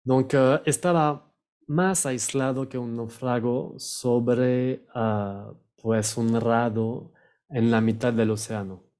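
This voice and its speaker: A man teaching French pronunciation, repeating words slowly and sometimes searching for the right word. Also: mid-range voice, steady tone, a little mellow, clear, resonant tone. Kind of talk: pronunciation lesson.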